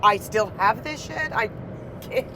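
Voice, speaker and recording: A woman's voice: a little high, lively intonation, measured pace, background noise. A woman from Texas, a podcast guest, chatting in a gushing way and swearing casually. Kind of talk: casual chat.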